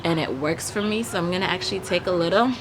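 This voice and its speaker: Fast-talking and lowish in pitch, a young beauty vlogger gives a chatty makeup tutorial to camera, describing every step while she applies it. She's filming outside in a leafy backyard garden, and outdoor noise plus traffic hum come through.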